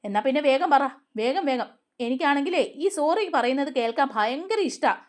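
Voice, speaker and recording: A woman's voice: high voice, lively intonation, moderate pace. A woman voicing a cheerful, playful young woman caretaker in a read-aloud story. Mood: teasing. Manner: playful, teasing.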